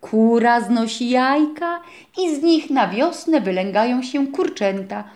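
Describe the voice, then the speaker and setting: A woman's voice: fairly high pitch, lively intonation, measured pace, a little mellow. A woman voicing a grumpy, matter-of-fact young male rabbit who lectures and explains things plainly, in a storybook reading. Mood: lecturing. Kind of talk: storybook character voice.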